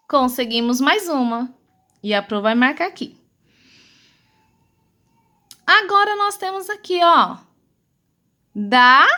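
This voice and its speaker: Brazilian lady teacher talking to little kids, slow and singsongy, bright voice. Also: high-pitched. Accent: Brazilian Portuguese. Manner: affectionate, slow and sing-song, spelling out syllables. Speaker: primary school teacher. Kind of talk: remote lesson for young children.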